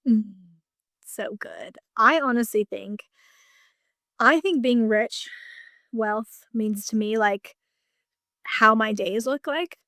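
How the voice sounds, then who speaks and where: A woman's voice: fairly high pitch, slow pace, long pauses, sharp tone, no echo, clean studio sound. A woman business coach talking in a casual podcast conversation, chatty and full of "like" fillers. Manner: chatty, heavy use of "like" fillers.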